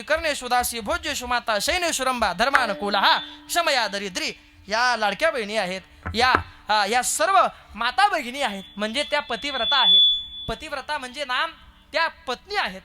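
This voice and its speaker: Male kirtan preacher with a bright, ringing voice who works the live crowd with stories and playful questions. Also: very high-pitched. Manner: storytelling, quizzing the audience playfully. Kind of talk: devotional kirtan sermon.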